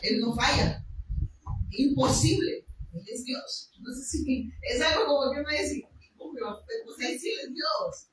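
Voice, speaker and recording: A woman's voice: high voice, unhurried, noisy background. A woman preaching a sermon, reading from the Bible and speaking emphatically, with rhetorical questions and raised passages. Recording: echoey room, mic far off.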